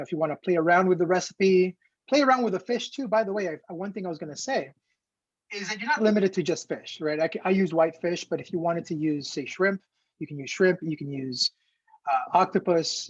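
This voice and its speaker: A man who grew up in Ecuador leads an online cooking class on a video call, talking in a loose, rambling way with plenty of fillers. His voice is a little high with a breathy edge and a moderate pace. The audio is dull and lo-fi, without echo.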